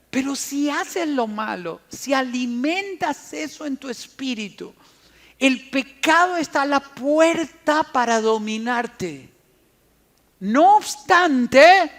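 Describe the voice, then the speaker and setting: A man preaching to a congregation at an unhurried pace, telling stories and repeating key words for emphasis. His talk moves between lively anecdotes and earnest exhortation. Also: sits high. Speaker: family counselor and speaker. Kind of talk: sermon-style talk on family and forgiveness.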